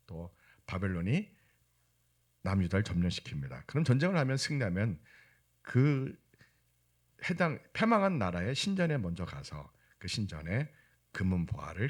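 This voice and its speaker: A male pastor preaching a sermon in a church, animated, often acting out the voices of people in his stories. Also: deep voice, husky.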